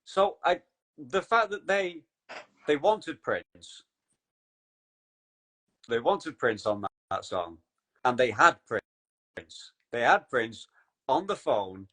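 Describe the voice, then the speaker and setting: A man hosting a podcast in casual chat, animated and swearing when excited. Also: mid-range voice, slow pace, long pauses. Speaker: podcast host.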